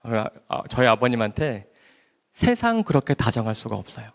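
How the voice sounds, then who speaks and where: A man tells his church testimony with emotional storytelling, his pitch swinging widely. He speaks in a large hall, and a long reverb follows his voice. His pitch sits in a middle range. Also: very animated, normal speed, vocal fry. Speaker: doctor giving a testimony.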